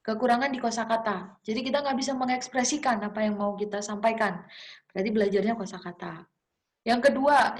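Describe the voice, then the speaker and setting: A young woman teacher gives an informal class lecture, talking in a chatty, encouraging way with many fillers and restarts. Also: a little high. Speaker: English teacher.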